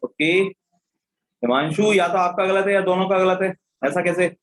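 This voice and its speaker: A man with a voice that sits high teaches an online reasoning class in a mix of Hindi and English, spelling out letters one by one and scolding students who get things wrong. His tone is steady and a bit bright, his pace moderate, and the rough recording has a little hiss or hum.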